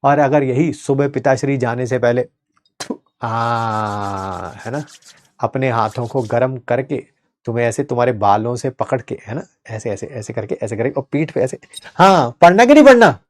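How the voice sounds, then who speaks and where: A male chemistry teacher giving a lively, conversational lecture, mixing English terms and checking in with students often. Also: medium pitch, measured pace.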